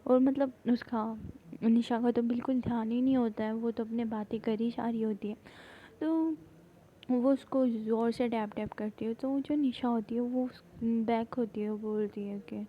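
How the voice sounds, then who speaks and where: A woman casually retelling a drama plot, rambling with many fillers and halting restarts. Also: a little high, fairly even intonation, narrow, tinny audio, a little hiss or hum. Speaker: storyteller recapping a drama plot.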